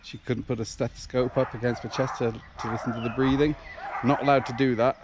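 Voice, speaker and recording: A man's voice: mid-range voice, little pitch movement, fairly quick. A man chatting casually and hesitantly to a vlog while out on a run beside country roads. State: occasional dry cough. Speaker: running vlogger. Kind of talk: casual outdoor vlog chat. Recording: noisy outdoor recording with passing traffic. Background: cars and motorbikes going by.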